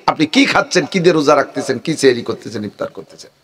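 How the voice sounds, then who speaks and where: Animated preacher man, lively pitch. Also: fast, a little hiss or hum. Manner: animated, swings from high shouts to low mutters, acts out villagers. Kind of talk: comic Bengali waz sermon.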